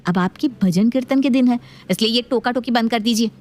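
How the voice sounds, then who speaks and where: A woman's voice: a little high, a little fast, a little mellow, voice pushed up, close to an everyday voice. A woman voicing a touchy, defiant young daughter-in-law who argues back indignantly. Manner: indignant, argumentative.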